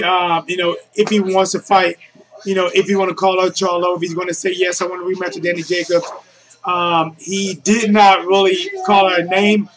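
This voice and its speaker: A man's voice: high voice, low-quality recording. A man giving casual, off-the-cuff boxing commentary, talking colloquially and directly to his listeners as a streaming host.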